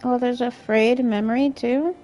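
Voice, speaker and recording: A woman's voice: on the high side, fairly even intonation, moderate pace, dark tone, soft background music. A young woman streamer giving casual gameplay commentary, thinking aloud with hesitant fillers.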